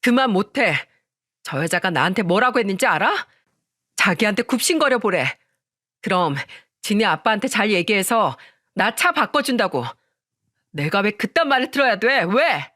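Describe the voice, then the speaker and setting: A woman voicing a wronged wife who shouts and pleads in a narrated story. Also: on the high side, very animated, normal speed, dry recording, studio quality. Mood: furious. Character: wronged wife, furious and tearful.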